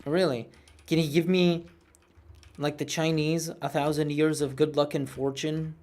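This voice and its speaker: A man's voice: a little high, flat delivery, a little slow, a little mellow. A man in his twenties chatting casually while streaming a game, rambling and self-mocking, with a cartoonish voice. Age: 20s. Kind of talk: casual gameplay chat.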